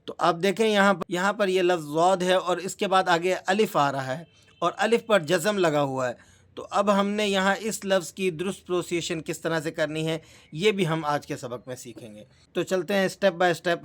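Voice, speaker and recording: Patient man teaching Quran recitation. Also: on the high side. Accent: Pakistani Urdu. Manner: patient, explanatory, drawn-out recited examples. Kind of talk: step-by-step recitation lesson.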